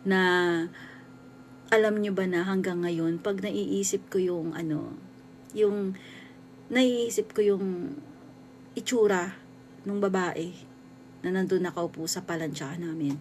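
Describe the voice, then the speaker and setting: A woman in her thirties from the Philippines, telling a true horror story in a casual, halting way with many restarts. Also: medium pitch, fairly even intonation, darkish tone, slight background noise. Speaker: vlogger.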